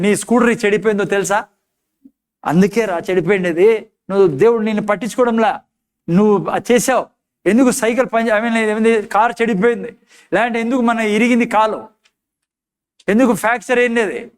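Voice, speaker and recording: High-pitched emphatic preacher man. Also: brisk, long pauses. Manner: emphatic preaching, repeated rhetorical questions, acted quotes in low despairing tones. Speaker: pastor. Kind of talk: sermon.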